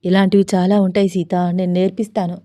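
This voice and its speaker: A woman's voice: medium pitch, level tone, quick pace, warm tone, no echo, studio quality, natural voice. A woman voicing a teasing, eager young husband who scolds playfully.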